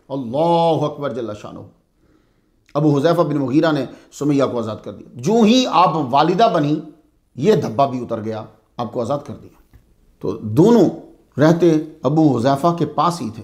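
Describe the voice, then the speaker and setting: Man, religious lecture to students, rhetorical questions, repeats key terms, animated pitch, echoey room. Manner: poses rhetorical questions, then answers them. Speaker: religious teacher.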